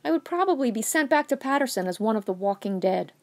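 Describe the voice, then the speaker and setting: A woman's voice: fairly high pitch, lively intonation, quick pace, darkish tone. A woman reading a short story aloud in a wry first-person narration. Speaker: reader.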